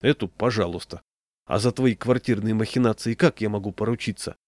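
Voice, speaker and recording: A man voicing a slow-witted, cautious union chairman who talks bluntly and matter-of-factly, recorded dry and close. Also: fairly low pitch, a little mellow, dry recording, close to an everyday voice.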